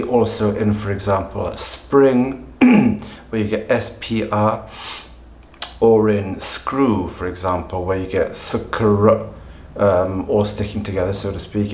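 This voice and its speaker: A man with a standard British accent giving a pronunciation lesson, speaking in a measured way and slowing down to model example words. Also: lowish voice, a little mellow, echoey room, a little hiss or hum. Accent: standard British English. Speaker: English pronunciation teacher.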